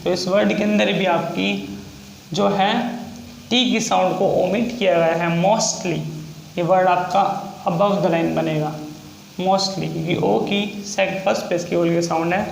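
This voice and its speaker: A man's voice: high voice, steady tone, gravelly. Male tutor, repetitive and patient in delivery; echoey room, faint hiss behind. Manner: repetitive, spells words out slowly for learners. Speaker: shorthand teacher. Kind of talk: classroom lesson.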